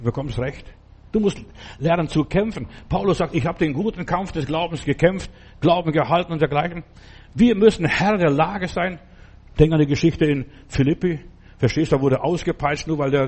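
An older man preaching a sermon, exhorting listeners and retelling stories with animated energy. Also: a little high, slightly rough.

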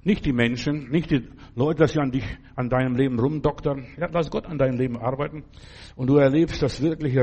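A man's voice: on the high side, darkish tone, breathy edge. A man preaching a sermon in a fervent, exhorting way, speaking directly to the listener.

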